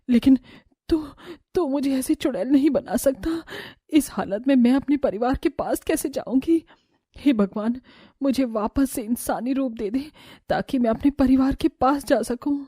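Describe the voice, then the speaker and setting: A vengeful cartoon witch spirit of a murdered mother, stretching her threats out slowly. Her voice is husky and mellow, a little higher than most women's, and recorded close and dry. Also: no room sound. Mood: anguished pleading. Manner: menacing, drawn-out threats.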